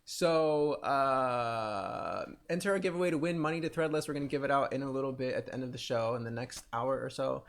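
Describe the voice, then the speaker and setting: A man's voice: medium pitch, a little fast. A man hosting a casual livestream, chatty and giggly, laughing often as he reacts to music videos. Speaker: livestream show host.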